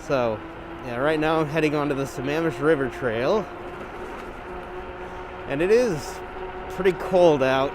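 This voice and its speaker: Out on a trail on his electric bike, a vlogger muses hesitantly in a fairly high voice at a measured pace, stopping often. A balaclava muffles him slightly, and the gimbal camera or windscreened lapel mic also catches wind, motor and traffic sounds.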